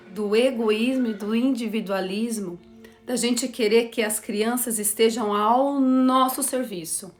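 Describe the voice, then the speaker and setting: A woman, teaching a class in a slow, reflective way and putting questions to her listeners. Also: on the high side. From Brazil. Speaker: teacher of a course on systemic motherhood. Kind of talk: spoken lecture to a class.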